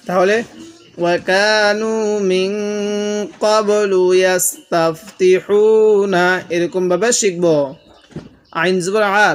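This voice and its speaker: A man teaching Quran recitation, spelling each word letter by letter and then chanting it slowly, speaking directly to viewers as a patient instructor. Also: sits high, slight background noise. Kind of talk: spelled-out Quran reading lesson.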